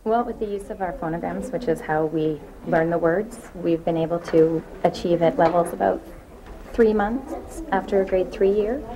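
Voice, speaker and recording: A woman's voice: fairly low pitch, normal speed, noisy background. A woman teacher answering interview questions earnestly about her class.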